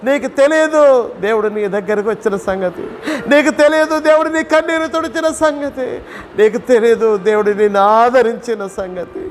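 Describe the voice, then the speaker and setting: A man's voice: very high-pitched, animated, fairly quick, slight background noise. A male pastor preaching a Sunday sermon, pleading and consoling through long strings of repeated rhetorical questions. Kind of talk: Sunday sermon with sung refrains.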